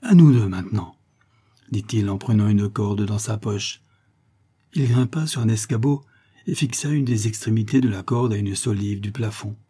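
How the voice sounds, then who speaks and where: A man reads a detective story aloud in a measured, steady storytelling manner. His voice is low and husky, with a dark, mellow color. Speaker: narrator. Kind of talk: audiobook reading of a detective story.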